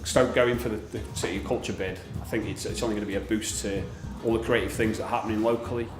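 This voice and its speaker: A man's voice: lowish voice, fairly even intonation, quick pace. A man talking casually in an interview. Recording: echoey space, music behind.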